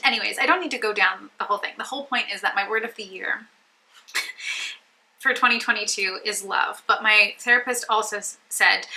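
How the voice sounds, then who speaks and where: A woman's voice: medium pitch, bright, forceful tone, low-quality recording. A woman talking candidly to the camera at home in a reflective, rambling way, often stopping and starting over. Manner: reflective, rambling, self-interrupting. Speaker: beauty vlogger. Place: home, kitchen noise nearby.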